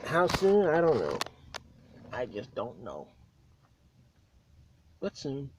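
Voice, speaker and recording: A man's voice: medium pitch, wildly swooping pitch, slow pace. A man host grumbling and talking casually to himself while driving a car. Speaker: show host. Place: inside a car. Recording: lo-fi with loud car noise. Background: loud road noise.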